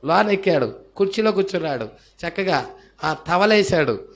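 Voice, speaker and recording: A man preaching a fiery sermon. He breaks into shouts and hallelujahs and tells a story by acting out its people. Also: sits high, lively intonation, moderate pace, vocal fry. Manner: acts out characters' voices in his storytelling. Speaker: pastor.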